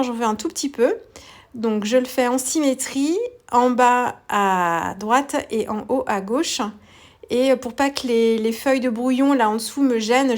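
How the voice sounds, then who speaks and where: A woman narrating a craft tutorial in a relaxed, hesitant way, with many fillers. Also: fairly high pitch.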